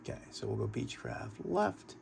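A man's voice: lowish voice, sing-song, normal speed, gravelly, background noise. Rambling man touring his sim cockpit. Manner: rambling, with many fillers and restarts. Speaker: flight sim hobbyist showing his home cockpit. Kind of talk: casual show-and-tell walkthrough.

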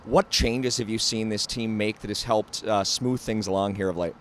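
A man's voice: on the low side, fairly even intonation, moderate pace, a little hiss or hum. A man interviewing a coach after a hockey game, asking long, wordy questions into a handheld mic in an indoor ice arena. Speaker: team broadcast interviewer.

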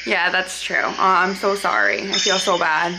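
A young woman vlogging casually from her car, chatty and gushing with excitement. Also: lowish voice, moderate pace, background noise. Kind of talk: casual vlog talk to camera. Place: inside a car.

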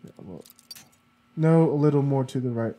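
With a mellow, medium-pitched voice at a moderate pace, a sniffly, congested let's play gamer murmurs casual commentary to himself while playing.

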